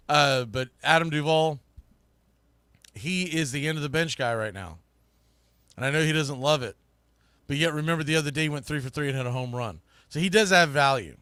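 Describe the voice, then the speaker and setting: This American baseball podcast host and broadcaster has a mid-range, fairly bright voice. His off-the-cuff commentary is emphatic, opinionated and folksy, with no room sound audible.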